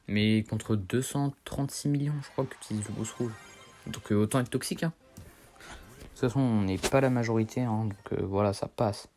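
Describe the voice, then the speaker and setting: A man's voice: mid-range voice, dark tone. A teenage boy chatting casually over his gameplay, rambling in slang and correcting himself as he goes. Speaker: gaming streamer.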